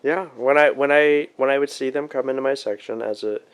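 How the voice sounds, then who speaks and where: A man's voice: mid-range voice, a little fast, smooth. A man talking as a podcast guest in loose, casual chat, swearing now and then.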